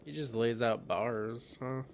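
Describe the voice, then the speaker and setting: A man's voice: mid-range voice, slow, vocal fry. A tired young man streaming a game, musing and muttering to himself as he plays. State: tired, yawning. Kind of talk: casual live-stream gaming chat. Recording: game music under the voice. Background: game music.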